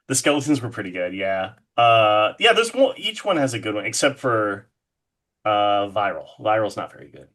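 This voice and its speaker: A horror artist appears as a podcast guest, chatting casually and enthusiastically about horror films and swearing freely. His voice is lowish and a bit bright, swinging widely in pitch at normal speed.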